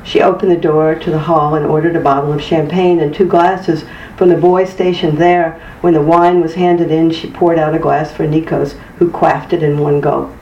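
A narrator reading a story aloud in a measured, even way. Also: medium pitch, a little hiss or hum. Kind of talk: scripted audiobook narration. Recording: distant, roomy, dull-sounding recording.

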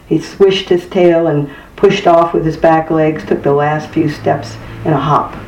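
A narrator reading a story aloud in a measured, even way. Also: mid-range voice. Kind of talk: scripted audiobook narration. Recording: distant, roomy, dull-sounding recording.

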